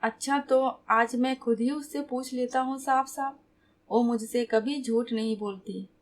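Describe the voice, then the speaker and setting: A woman voicing a caring older brother, calm and reassuring. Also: fairly high pitch, measured pace, close to an everyday voice. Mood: affectionate.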